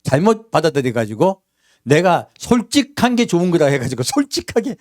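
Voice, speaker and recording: Pastor preaching in a church, man, lively swinging pitch, dry close sound, chatty with rhetorical questions. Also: normal speed, no room sound. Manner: conversational preaching with frequent rhetorical questions to the congregation; acts out everyday quotes in character voices. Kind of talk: sermon.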